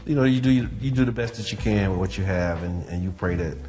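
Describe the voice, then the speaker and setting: A man who hosts a community radio show, speaking in a relaxed, thoughtful way with many fillers. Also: deep voice, fairly quick, faint music behind. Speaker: radio show host and organizer. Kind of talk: casual reflective interview talk.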